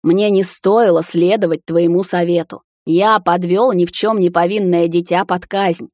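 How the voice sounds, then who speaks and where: A woman's voice: fairly low pitch, steady tone, normal speed, dry recording, studio quality, natural voice. A woman voicing a desperate middle-aged king who pleads, rages and breaks down in an audiobook. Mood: bitter, anguished. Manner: pleading then shouting, raw and broken. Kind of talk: audiobook character reading.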